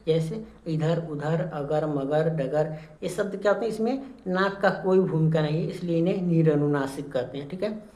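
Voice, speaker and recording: A man teaching an exam-prep class in a soft, mellow voice. He explains step by step and circles back to each key point with frequent check-ins. The sound is roomy, with a clear echo around him. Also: on the high side, normal speed.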